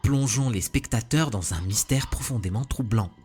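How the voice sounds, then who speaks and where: A man's voice: medium pitch, normal speed, faint music behind. A man reading scripted, formal narration for a compilation of eerie videos. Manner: even, formal, ominous phrasing.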